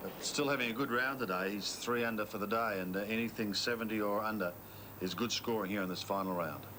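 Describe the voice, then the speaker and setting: A man commentating live on televised golf as lead broadcaster, with measured, conversational observations. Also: lowish voice, bright, forceful tone, a little hiss or hum.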